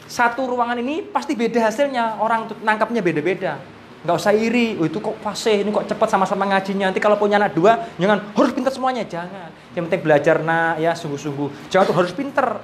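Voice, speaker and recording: A man from Indonesia with a Javanese accent, teaching a live Quran reading class in a relaxed way, with Javanese words mixed in. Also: sits high, a little hiss or hum.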